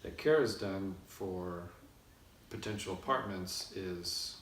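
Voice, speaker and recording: A man's voice: sits low, slow pace, a bit bright. A man co-hosting a casual video blog, announcing things in a mock-formal way, recorded in an echoey room from a distance. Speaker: co-host of a couple's video blog. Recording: echoey room, distant mic, faint noise.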